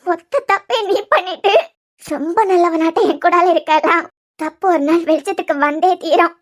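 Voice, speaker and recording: A wounded, bitter young wife in a homemade cartoon serial, voiced by a woman. Her voice sits extremely high and thin, and she speaks in a Kanyakumari Tamil accent, soft and tearful, with a reproachful edge.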